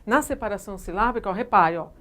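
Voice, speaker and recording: A woman's voice: medium pitch, animated, fast, a bit bright. A woman with a Brazilian Portuguese accent, a teacher giving a recorded grammar lesson who explains patiently and keeps checking in with her students through short tag questions.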